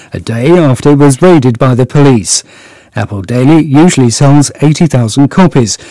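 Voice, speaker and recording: A man reading scripted news bulletins in a measured, formal way. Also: fairly high pitch, mellow, no room sound, low-quality recording. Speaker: newsreader.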